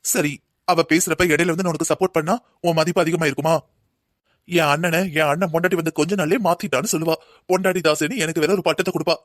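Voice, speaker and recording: Man voicing a calm, patient husband, cartoon; fast, slightly high, soothing. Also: no echo, clean studio sound, close to an everyday voice. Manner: soothing, explaining. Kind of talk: cartoon voice acting.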